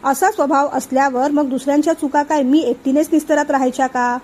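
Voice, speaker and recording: A woman voicing a sharp-tongued, indignant young wife who talks in a cutting way in a storybook reading. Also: high voice, steady tone, brisk, close to an everyday voice.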